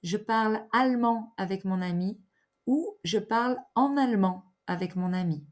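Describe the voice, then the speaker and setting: A woman's voice: mid-range voice, normal speed. A woman teaching French, reading example phrases one by one with careful enunciation. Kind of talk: slow, clear language lesson.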